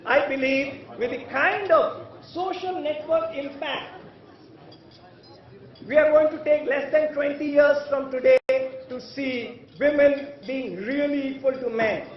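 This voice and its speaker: A man delivers a podium speech in a very high voice, heard from off in a strongly echoing hall. He is earnest and rhetorical, breaking his points into short, emphatic phrases. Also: measured pace. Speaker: conference keynote speaker. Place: large event hall. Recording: echoey hall, distant mic, muffled.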